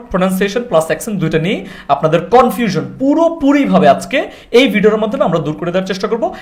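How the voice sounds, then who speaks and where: A man from Noakhali with a Noakhali Bengali accent, an English language trainer answering questions in a casual, teasing way and mixing in English. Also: high-pitched. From Noakhali, Bangladesh. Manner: chatty, teasing, mixes English into his Bengali. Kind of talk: casual conversational interview.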